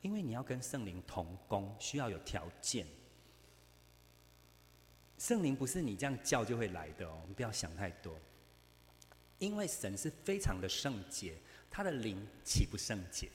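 Animated male preacher in a reverberant hall. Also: on the low side, slight background noise. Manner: animated storytelling, acting out both sides of dialogue. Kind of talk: sermon.

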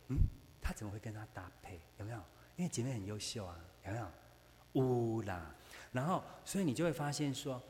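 Brief: male Bible teacher, lively and jokey, always checking with the class, recorded in a reverberant hall with a faint hum. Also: on the low side. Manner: animated, joking, keeps asking the class rhetorical questions. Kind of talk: church teaching to women.

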